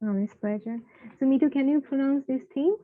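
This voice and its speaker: In an online live lesson, a Bengali-native English teacher patiently drills pronunciation, saying words again and again and mixing both languages, all in a slow, encouraging way. Her voice sits high, and the video-call audio is narrow and tinny with no room sound.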